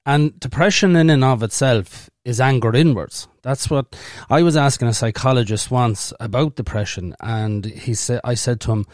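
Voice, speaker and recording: A man's voice: mid-range voice, moderate pace, hardly any pauses, a little mellow, no echo, clean studio sound. A man hosting a podcast, asking questions in a casual interview and often repeating his words as he goes. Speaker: podcast host.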